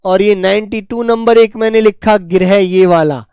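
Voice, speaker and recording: A male teacher giving a spelling class, dictating words slowly and repeating each one, talking to pupils in a fatherly way. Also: sits high, steady tone, a little mellow, smooth, no room sound, studio quality. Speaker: Hindi teacher.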